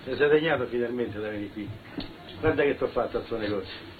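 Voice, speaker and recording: Bullying Roman dad type, played by a man, loud brag, thin tinny film-clip sound. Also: medium pitch, a little fast, background noise, close to an everyday voice. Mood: menacing boast. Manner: boastful, menacing, shouting at times. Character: blustering Roman father, proud, threatening tough guy. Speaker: actor in a film scene.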